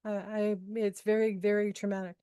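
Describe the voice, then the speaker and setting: A middle-aged woman speaking as a spiritual guide, telling personal stories in an expressive, upbeat way, laughing often and acting out the people she quotes. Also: medium pitch, normal speed, clean tone, dry recording, studio quality. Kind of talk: animated personal storytelling talk.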